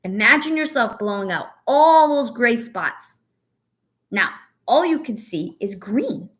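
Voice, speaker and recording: A female teacher reads a story to young children and leads them through a breathing exercise, her delivery encouraging, instructive and full of storybook expression. Her voice is slightly high and she takes her time.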